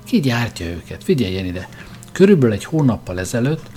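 A man voicing a shrewd male grandmaster who questions and lectures in a sharp, cutting way. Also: medium pitch, very animated, faint music behind, lightly acted. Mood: probing.

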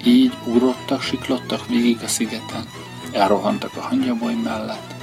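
A man reading a children's story aloud in an expressive, lively storybook manner. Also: medium pitch, creaky. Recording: violin music playing behind.

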